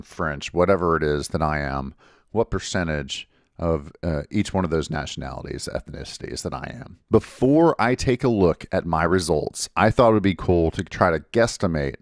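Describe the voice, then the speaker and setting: A man with a very low voice hosts a genealogy vlog in a casual, explanatory way. He works through the numbers step by step, methodical and clear. The sound is dry and close, with no room echo. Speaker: genealogy channel host.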